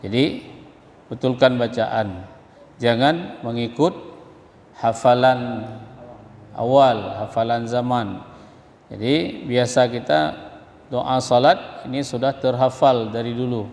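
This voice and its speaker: A man teaching recitation, chanting verses slowly, then explaining corrections in brisk spoken remarks with an Acehnese accent. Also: mid-range voice, a little mellow. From Indonesia. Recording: long hall reverb.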